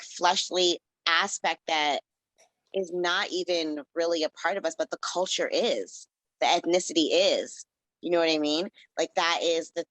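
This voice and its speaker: A woman's voice: low-pitched, fairly bright tone, no echo, poor audio. A woman from the Caribbean, a writer, talking as a guest in a casual interview, rambling with lots of "like" fillers. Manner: rambling, heavy use of "like" fillers.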